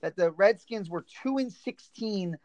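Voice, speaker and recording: High-voiced man hosting a sports podcast. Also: animated, measured pace, darkish tone, no echo. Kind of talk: casual sports chat.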